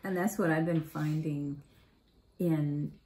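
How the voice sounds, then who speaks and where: A woman guest speaks gently and reassuringly in a heartfelt conversation. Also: sits low, fairly even intonation, takes it slowly, rough recording.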